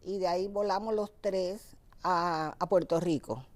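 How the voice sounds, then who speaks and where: A woman in her seventies from Cuba with a Cuban Spanish accent, a guest author telling her family story in an interview, unhurried and full of fillers and restarts. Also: on the low side. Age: 70s.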